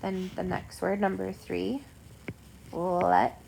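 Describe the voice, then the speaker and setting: A woman's voice: lowish voice, level tone, slow, warm tone, poor audio. A woman teacher guiding young children step by step through a lesson in simple, encouraging words, like a kids' show host. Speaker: elementary school teacher. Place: at home. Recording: clear background noise with clicks.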